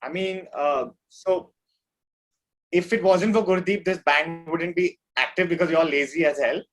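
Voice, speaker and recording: An Indian drummer from a band talks as a guest in a relaxed interview, explaining things in an easygoing, conversational manner. His voice is on the high side and a little slow, with faint music behind and a rough recording.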